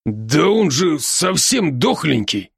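A brash, teasing werewolf buddy, voiced by a man in an audiobook, his gravelly voice leaping up and down as he jokes. The sound is close and dry. He never stops ribbing his friend. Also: a little high, sing-song, a bit bright, no echo, full character voice. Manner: brash, teasing, rapid-fire banter. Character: boisterous, joking adult male werewolf friend. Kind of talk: audiobook character voice.

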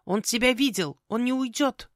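Woman doing a pompous croaking raven spirit. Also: on the high side, dry recording, studio quality, pitched above the performer's own voice, close to an everyday voice. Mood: alarmed. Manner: slow, self-important, croaking lecturer. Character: pompous, ever-hungry male raven family spirit. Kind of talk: audiobook character voice.

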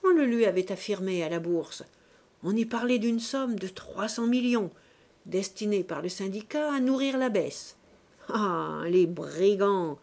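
Woman narrating a classic novel. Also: medium pitch. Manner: measured, expressive reading. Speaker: audiobook narrator. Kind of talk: scripted literary narration.

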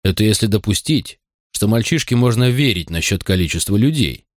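A man's voice: lowish voice, lively intonation, fairly quick, dry recording, studio quality, close to an everyday voice. A man doing a grumbling suspicious deputy. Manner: grumbling, threatening.

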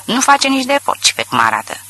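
A man's voice: very high voice, wildly swooping pitch, sharp tone, voice pushed up, heavily acted. A man voicing a surly old male tenant farmer who talks bluntly and never hurries. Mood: gruff. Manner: blunt, unbothered.

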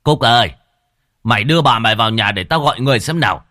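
Man playing a gruff worried old landowner. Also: deep voice, sing-song, a little fast, a bit bright, dry recording, clean studio sound, voice pushed down, full character voice. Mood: urgent.

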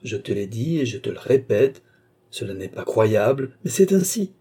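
A man's voice: medium pitch, big pitch swings, normal speed, dark tone, breathy edge. A man reading an old vain duke, Richelieu. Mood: exasperated. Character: old vain French duke, bantering and evasive. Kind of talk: audiobook character reading.

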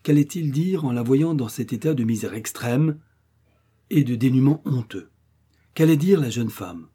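A man giving an expressive, emphatic audiobook reading of a literary essay. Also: mid-range voice, moderate pace, slightly rough. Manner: emphatic, swelling rhetorical delivery. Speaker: reader.

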